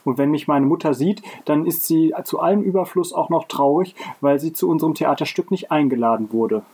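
A man's voice: a little high, fairly quick, warm tone, husky, voice pushed up. A man voicing a fretful stubborn boy. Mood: sulky. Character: anxious stubborn young boy.

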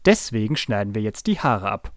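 A man voicing a bossy, enterprising young girl in a storybook reading, brisk and decisive. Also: lowish voice, sing-song, dry recording, studio quality.

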